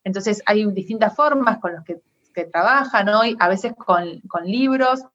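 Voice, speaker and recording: A woman's voice: medium pitch, a little slow, a bit bright, dull audio, a little hiss or hum. A woman with a Rioplatense Spanish accent, a guest on a podcast, explaining things in casual conversation and often tagging her sentences with questions. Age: adult parent. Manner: explanatory, frequent tag questions.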